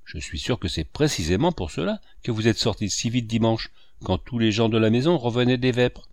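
A man voicing a gentle but firm village priest, in a grave, measured reading. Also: medium pitch, expressive, no room sound, studio quality, lightly acted. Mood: stern. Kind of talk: audiobook character reading.

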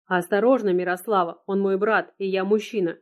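A stern, domineering man, cold and harsh, who speaks curtly through clenched teeth, read by a woman in an audiobook. His voice sits at a middling pitch. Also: steady tone, normal speed, a little mellow, close to an everyday voice.

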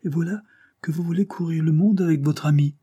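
A man's voice: on the high side, a little fast, warm tone, breathy edge, no echo, studio quality, voice pushed up. A man voicing a fretful, devoted old servant woman who pleads and fusses. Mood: pleading. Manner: pleading, fussing.

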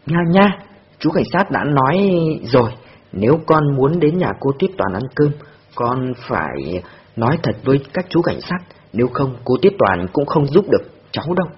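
A man's voice: medium pitch, very animated, normal speed, slightly rough. A man voicing a patient, firm policewoman who talks earnestly with a frightened child. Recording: dull lo-fi recording.

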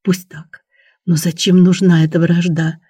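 A man voicing an anxious young noblewoman in an audiobook, who talks in a soft, pleading way. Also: a little high, little pitch movement, measured pace, slightly rough, no echo, studio quality.

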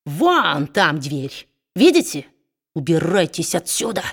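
A woman reading aloud, voicing a spiteful, domineering male dwarf who mocks and shouts at his wife. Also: lowish voice, very animated, takes it slowly, husky, full character voice. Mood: bellowing. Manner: sneering, bullying, shouting.

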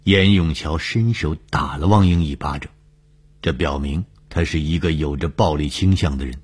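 A male storyteller with a very deep voice and husky texture tells a broadcast story. His delivery is measured and dramatic.

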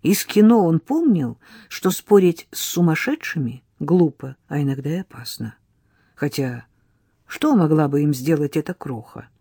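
A woman narrating a children's story in an expressive storytelling way. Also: low voice, normal speed, husky, dry recording, clean studio sound. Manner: even, storytelling delivery. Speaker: audiobook narrator.

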